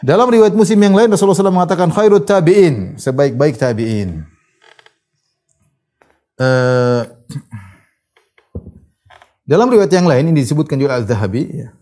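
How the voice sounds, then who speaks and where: Man, preacher, lively sermon storytelling, fairly high voice, quotes then translates. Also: a little fast, long pauses. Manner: animated retelling, quotes Arabic then translates. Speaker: Islamic preacher.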